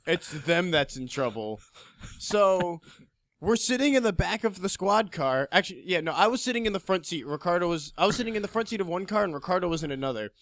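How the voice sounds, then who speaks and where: A young man from New Jersey casually telling a story on a podcast, acting out officers in a lower, quieter voice. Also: lively intonation, brisk, no room sound. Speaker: podcast co-host.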